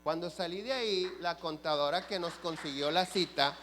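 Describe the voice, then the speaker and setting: A male pastor preaching with a fairly high voice, bringing his stories to life by acting out each exchange and turning questions to the congregation. His voice carries a long church reverb, and a faint mains hum sits underneath. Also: normal speed. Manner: animated storyteller who acts out dialogue and questions the congregation. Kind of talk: sermon. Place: church sanctuary.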